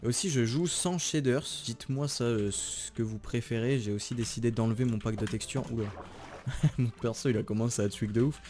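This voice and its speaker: Excitable young man, chatty gameplay commentary. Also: medium pitch, brisk, soft background music. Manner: chatty, slangy, excitable, laughs often. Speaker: gaming YouTuber. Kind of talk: casual gameplay commentary with voice-over narration.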